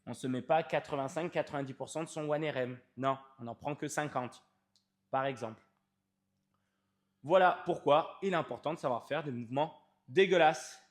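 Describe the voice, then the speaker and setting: A man's voice: a little high, moderate pace. A man, a fitness coach explaining training to the viewer in an informal, emphatic way, stretching key words.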